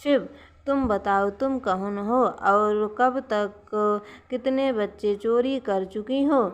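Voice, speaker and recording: A woman's voice: medium pitch, takes it slowly, lightly acted. A woman voicing an angry young man who accuses a stranger in a storybook tale. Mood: accusing. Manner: stern, accusing, commanding.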